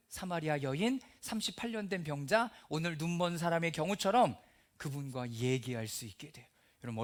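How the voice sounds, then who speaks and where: A middle-aged male pastor delivers a sermon in a church, his voice pitched high and swinging widely in tone. He acts out the voices he quotes and at times sinks to a near-whisper for emphasis. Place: church hall.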